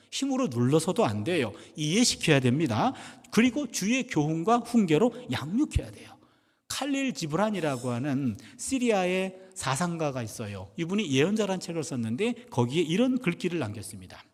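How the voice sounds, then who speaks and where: A man's voice: fairly high pitch, a little mellow. A middle-aged man preaching a sermon, telling a family story and acting out the voices in it. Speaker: pastor and former professor. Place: church sanctuary. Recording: church hall reverb.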